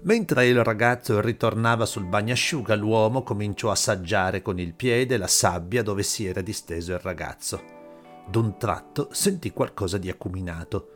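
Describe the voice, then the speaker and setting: A man reading a story aloud in a calm, measured audiobook narration over faint music. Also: on the low side. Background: faint background music.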